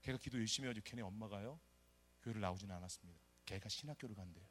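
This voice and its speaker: Fast-talking male pastor telling a story. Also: lowish voice, slight background noise. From South Korea. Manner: animated storytelling, acting out quoted voices. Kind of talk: sermon with personal testimony.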